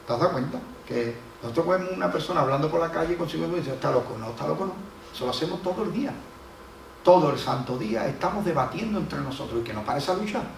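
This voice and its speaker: A man's voice: fairly high pitch, animated, fast talker, creaky, slight background noise. A man preaching a sermon as pastor, telling folksy stories and acting out the voices he quotes. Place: church hall. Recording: echoey hall from a distant mic.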